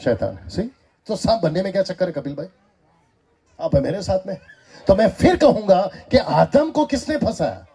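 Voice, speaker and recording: A man with an Indian accent giving a lively sermon in a church hall, teasing the crowd and calling for answers back. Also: high voice, moderate pace, husky. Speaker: preacher. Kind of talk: sermon with call-and-response.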